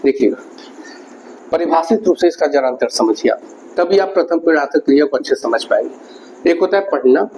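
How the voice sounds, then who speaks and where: On a dull, lo-fi recording with faint noise, a man teaches grammar in a mellow voice on the high side, frequently repeating key words and putting questions to his students.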